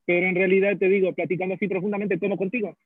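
A man's voice: sits high, little pitch movement, very fast, slightly rough, dry recording. A young man from the United States chatting casually as a guest, rambling with many fillers and restarts. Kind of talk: casual conversation. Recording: tinny phone-like sound, dry.

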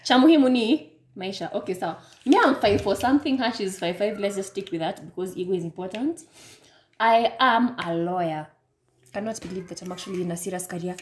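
A woman's voice: mid-range voice, fairly quick. Playful young woman podcaster. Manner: playful, teasing, laughs often. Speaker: podcast co-host. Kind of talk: casual chat.

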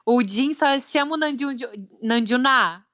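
Young woman podcaster, slangy and giggly, pretty high voice, dry close sound. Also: unhurried, fairly bright tone, no room sound. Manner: chatty, laughing, slangy. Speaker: podcast co-host. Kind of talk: casual chat.

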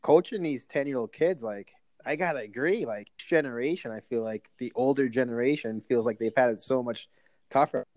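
A man's voice: mid-range voice, brisk, a little mellow, no room sound. A man who coaches youth hockey, chatting as a podcast guest in a rambling, joking way with lots of fillers. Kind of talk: casual podcast interview.

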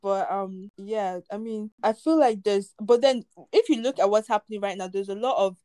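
A woman's voice: medium pitch, moderate pace, dark tone, no room sound. A woman chatting casually as a podcast co-host, enthusiastic and exclamatory. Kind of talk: casual chat.

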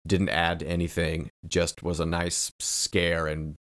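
A man with a deep, slightly bright voice speaks slowly and with little change in pitch. He's co-hosting a podcast and discussing a film casually, in an earnest, thoughtful way that draws out key phrases.

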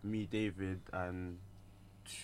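A man's voice: deep voice, flat delivery, takes it slowly, a little mellow, a little hiss or hum. A young man with a London roadman accent, chatting casually and telling anecdotes in heavy street slang with frequent 'innit' tags. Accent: London roadman, multicultural London English. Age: young adult. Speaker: student event promoter.

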